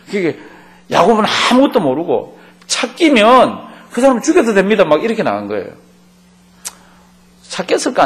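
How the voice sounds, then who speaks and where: A male pastor teaching a Bible class with a lively, swooping delivery. His voice sits a bit higher than most men's. He acts out quotes and throws questions to the class. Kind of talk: Bible study lecture. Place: church classroom.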